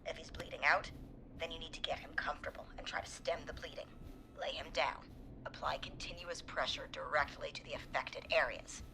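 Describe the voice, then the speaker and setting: An actress voicing an overworked hospital nurse who gives hurried, hushed first aid instructions. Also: female voice, sits low, vocal fry, a little hiss or hum, full character voice. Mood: instructive. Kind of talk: video game voice acting.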